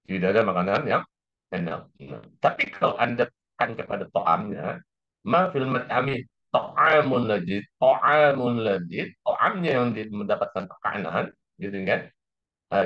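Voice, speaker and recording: A man's voice: medium pitch, a bit bright. A man teaching a class, explaining step by step and often repeating key phrases. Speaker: lecturer. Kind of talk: classroom lecture. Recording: slightly dull lo-fi recording.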